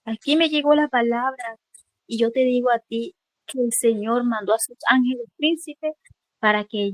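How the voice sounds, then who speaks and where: A woman giving a fervent, halting spoken testimony in a class, with many restarts. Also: on the high side, fairly bright tone, no room sound. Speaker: student sharing a testimony.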